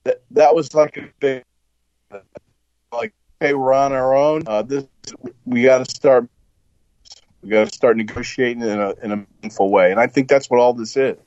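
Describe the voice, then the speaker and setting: A man talking in a casual discussion over an online call in halting bursts with many restarts, his audio cutting in and out with uneven volume. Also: medium pitch, fairly even intonation, a little mellow, dry recording. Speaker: panel guest. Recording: dull, dry, dropping-out call audio.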